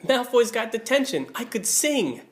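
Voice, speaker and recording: A woman voicing a clever, eager young witch girl in a brisk schoolgirl tone. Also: fairly high pitch, big pitch swings.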